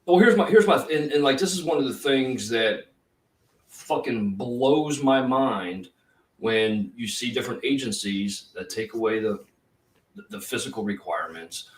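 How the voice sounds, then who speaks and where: A retired police officer talking in a casual podcast conversation, intense and profane, rambling with many fillers. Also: male voice, mid-range voice, lively intonation, a little slow. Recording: roomy, distant from the mic.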